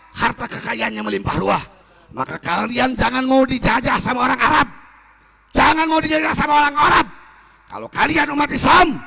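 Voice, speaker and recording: A man's voice: very high voice, vocal fry, voice pushed up, exaggerated voice. A man voicing a haranguing male nationalist leader who barks commands at a crowd. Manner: loud, hectoring commands.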